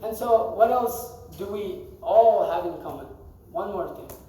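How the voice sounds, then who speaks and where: A mellow, high-sitting male voice speaks a little slowly while teaching a scripture class in a temple hall. He keeps it conversational, quizzes the group and laughs often. The mic is far off and the hall echoes.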